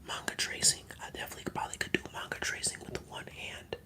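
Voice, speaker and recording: An ASMR streamer whispering in a casual, rambling, slangy way while chatting on a livestream. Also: fast talker. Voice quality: whispered, mostly unvoiced.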